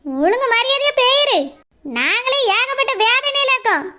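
Playing the mother of a girl who ran away, a middle-aged woman with a Kanyakumari Tamil accent voices a proud villager who defends her daughter, issuing stern warnings and arguing back with indignation. Her pitch is extremely high with big swings, at normal speed, over a noisy background.

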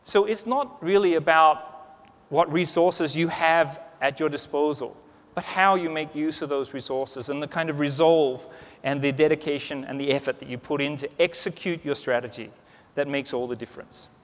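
Fairly high in pitch and at normal speed, a man in his forties delivers a casual keynote to a conference from a large stage. He restarts often and leans on "you know." The hall sounds reverberant.

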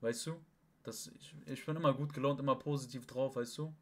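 Young man, rambling, emphatic, casual venting, medium pitch. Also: fairly even intonation, fairly quick. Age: young adult. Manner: rambling, emphatic, repeats oaths and restarts. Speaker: livestream host. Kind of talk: casual venting to an online chat partner.

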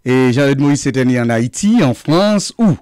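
A man hosting an interview over a video call, asking questions in a halting way and often repeating his words. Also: mid-range voice, animated, a little mellow, clean tone, no echo, studio quality. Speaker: interviewer, host.

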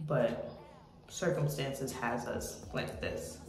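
A woman's voice: very deep voice, steady tone. Candid American woman in an echoey room. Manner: candid, reflective, pausing, sweary. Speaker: vlogger. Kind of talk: casual confessional rant to camera. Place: small indoor room. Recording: echoey room with music behind.

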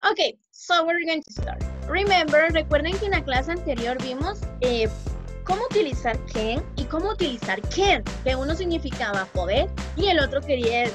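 A bilingual schoolteacher leads an online class for young children with a high, bright voice and a patient, gentle way of explaining. Children's music plays clearly in the background of the call. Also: female voice, animated, normal speed. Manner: patient, switches between English and Spanish, calls pupils "mi amor". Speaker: primary school English teacher. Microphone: video call.

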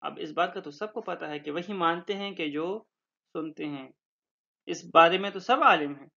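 A man teaching a religious text, explaining it point by point with pauses and fillers, reciting Arabic lines slowly before translating them. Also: a little high, gravelly, sharp tone, lo-fi sound. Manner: explains step by step with fillers and repetitions. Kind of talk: classroom lecture explaining a text.

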